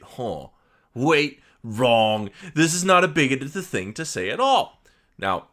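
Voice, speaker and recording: A man's voice: medium pitch, fairly bright tone, voice pushed up. A man voicing a prim, preachy middle-aged woman who writes fan fiction, sugary and self-righteous.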